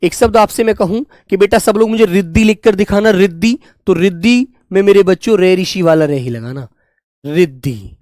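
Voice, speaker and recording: A young Hindi teacher runs a live online spelling class, his voice high, light and slightly darkish, recorded dry and close to the mic with no echo. He's affectionate with his students, calling them "beta" and "my children," and drills every word slowly through repetition.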